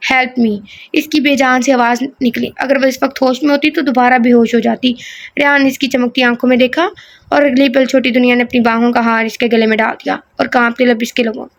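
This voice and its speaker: A woman narrating a romance audio novel in a high voice. She reads at an even pace and slips into casual, joking asides. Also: fast talker. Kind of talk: reading a romance novel aloud.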